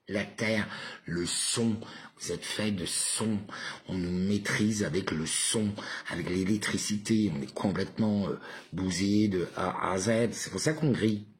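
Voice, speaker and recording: A man vlogging to his followers in a rambling, casual monologue full of fillers. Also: on the low side. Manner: repeats a phrase with shifting emotions, rambling with many fillers.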